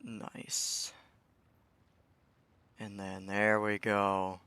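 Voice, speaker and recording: Rambling young male streamer, low voice. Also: flat delivery, drawn-out words, creaky, pushed and bright, clean tone. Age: young adult. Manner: rambling, self-talking, stammering restarts, swears. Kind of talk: casual live-stream commentary.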